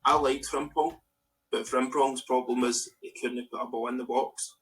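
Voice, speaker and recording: A man's voice: mid-range voice, moderate pace. Scottish man rambling about football, distant mic. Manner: rambling, animated football talk. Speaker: podcast co-host. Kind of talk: casual chat. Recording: distant mic with faint background noise.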